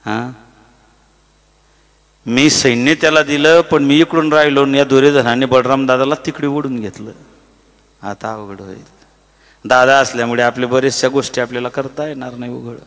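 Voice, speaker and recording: A man's voice: mid-range voice, a little fast, in a large hall. A man preaching a devotional kirtan in speech, telling a story animatedly, acting out its characters and breaking into sung verses. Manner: animated, acts out characters' voices, bursts into sung chant.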